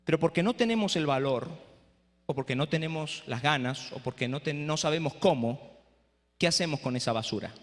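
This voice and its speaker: A man lecturing pastors in a preaching style, lively and rhetorical, often asking the audience "eh?". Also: fairly high pitch, a little fast. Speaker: speaker at a training for pastors. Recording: echoey hall.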